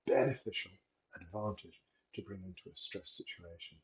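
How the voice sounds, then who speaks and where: A middle-aged man giving a gentle, measured talk on wellbeing, encouraging and unhurried with frequent pauses. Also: lowish voice, low-quality recording. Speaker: wellbeing presenter. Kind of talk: reflective solo talk.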